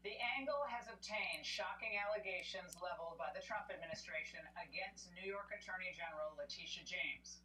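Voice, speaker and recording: A woman's voice: mid-range voice, sharp tone, reverberant, distant mic, low-quality recording. A woman with an American accent presenting broadcast news as a tabloid-style TV host. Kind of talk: broadcast news report and interview lead-in. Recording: clear background noise with hum.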